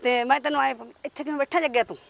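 A woman's voice: sits high, steady tone, rapid-fire, creaky. A woman playing a blunt, chatty elderly village aunt in a homemade comedy drama.

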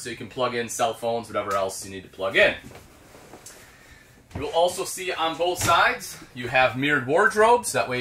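A man's voice: mid-range voice, bright, forceful tone, a little hiss or hum. A man in his thirties giving a casual, chatty walkthrough of a travel trailer as a product specialist, recorded inside the small trailer. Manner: easygoing, chatty, lots of "you know".

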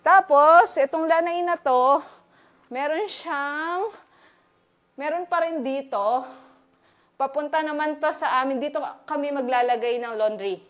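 Excited chatty woman on a house tour. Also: high voice, unhurried. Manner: excited, chatty, filler-heavy, switching between Tagalog and English. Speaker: vlogger giving a house tour. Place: indoors, walking through a new house.

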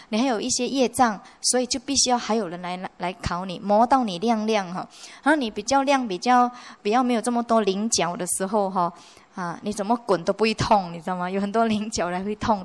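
A Buddhist nun giving a conversational dharma lecture in a monastery hall, slipping in English words and often asking her listeners whether they follow. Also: fairly high pitch. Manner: conversational, mixing English words, frequent rhetorical checks.

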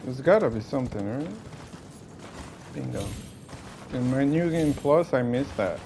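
A man's voice: medium pitch, expressive, a little slow, vocal fry, background noise. A man giving casual, offhand commentary while playing a game, often correcting himself and muttering. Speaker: gameplay streamer.

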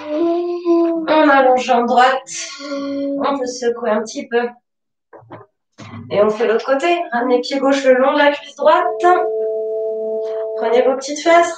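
Calm high-voiced woman guiding yoga. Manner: slow, calm spoken cues with pauses. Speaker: yoga teacher. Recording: roomy, from a distance. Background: soft music.

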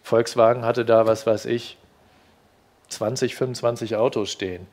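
A man's voice: medium pitch, fairly even intonation, moderate pace, a little mellow. A man in his fifties describing what he filmed at a car fair, talking hesitantly with many restarts and fillers, on a headset mic in a TV studio. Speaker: reporter recounting a car fair visit. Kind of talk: studio discussion.

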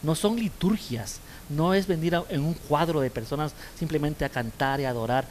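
A man preaches and tells a story from his therapy work, often stopping to ask his listeners for agreement. His voice sits somewhat high for a man. A faint rumble runs under the recording. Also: moderate pace. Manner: animated storytelling, many repeats and "¿verdad?" tags. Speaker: pastor and therapist. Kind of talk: sermon with anecdote.

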